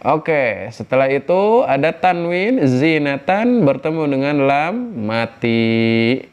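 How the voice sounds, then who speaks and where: A man teaching Quran recitation rules, patiently explaining and drawing out syllables slowly to demonstrate. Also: mid-range voice, animated, clear, resonant tone, dull audio. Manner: patient, repeats syllables slowly to model pronunciation. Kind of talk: tajwid lesson with slow demonstrations.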